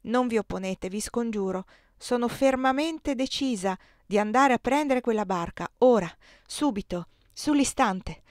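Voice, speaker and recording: A woman's voice: fairly high pitch, lively intonation, unhurried, few pauses, dry recording, pitched above the performer's own voice. A woman reading the part of a resolute young serving woman who speaks with determined, pleading urgency, in a dry close recording.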